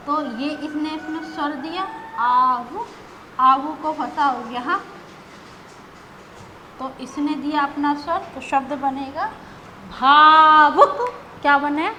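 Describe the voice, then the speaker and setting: A woman's voice: sits high, sharp tone, a little hiss or hum, rough recording. A woman teacher explaining grammar step by step, patient, who often checks in with her students as she goes.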